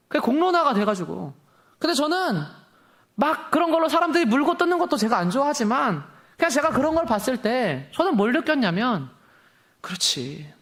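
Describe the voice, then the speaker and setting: A young man preaching a sermon with passion, firing off rhetorical questions and swinging his voice up and down. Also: fairly bright tone. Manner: impassioned, rhetorical questions, quick swings in pitch and volume.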